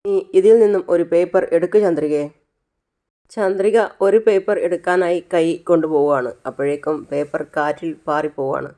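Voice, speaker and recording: A woman's voice: on the low side, mellow. A woman narrating a recap of a TV serial, acting out the characters' lines as she tells the story. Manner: retells scenes, acting out each character's lines.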